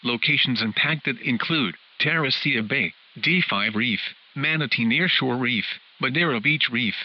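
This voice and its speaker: A synthetic male text-to-speech voice of medium pitch reads a scripted emergency weather bulletin at a measured pace, formal and clipped like a radio alert announcer. The weather radio broadcast sounds hissy and muffled.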